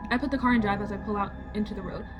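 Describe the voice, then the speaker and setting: A woman's voice: medium pitch, fairly even intonation, racing, lo-fi sound, over music. A woman reading horror stories aloud for a vlog, breaking off now and then for joking asides.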